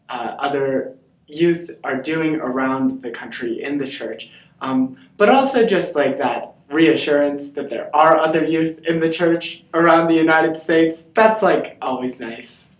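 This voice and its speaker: A man's voice: a little high, measured pace, roomy sound, far from the mic, low-quality recording. A young man, a student, answering earnestly with wry asides. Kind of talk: casual interview answers.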